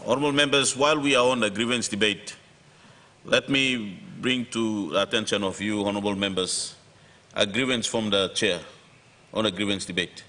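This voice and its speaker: A man's voice: mid-range voice, sharp tone. A man with a Papua New Guinean accent speaking formally and firmly as deputy speaker from the chair, admonishing members. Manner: firm, admonishing.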